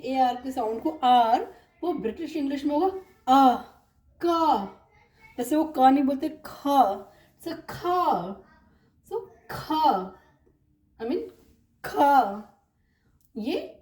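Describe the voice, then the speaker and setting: High-voiced teacher, slow and patient. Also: female voice, warm tone, reverberant, recorded from a distance. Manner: patient, repeats example words slowly. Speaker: English pronunciation teacher. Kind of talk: spoken English lesson.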